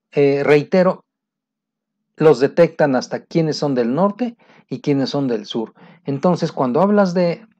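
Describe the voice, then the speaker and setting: A patient man with a Mexican Spanish accent explains English sounds in a casual lesson, repeating himself and slowing down to model each sound. His voice is dark and mellow. The recording is dull and lo-fi. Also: fairly high pitch. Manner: patient, repeats key phrases, slow demonstrations of English sounds. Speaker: English pronunciation teacher.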